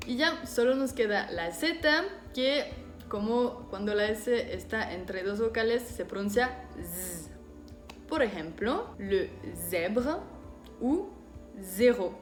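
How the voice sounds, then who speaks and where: Slow-speaking woman teaching pronunciation. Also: a little high, expressive, soft background music. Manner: slow, careful, deliberately modelling French words. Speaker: French teacher. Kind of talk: explaining pronunciation to learners. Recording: echoey room.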